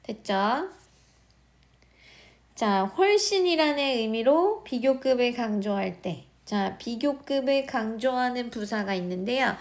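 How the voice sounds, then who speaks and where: A woman's voice: a little high, lively intonation. A woman teaching English grammar in a recorded lesson, speaking with a Korean accent, explaining step by step and often checking that students follow. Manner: slow, explaining, repeating words and checking understanding.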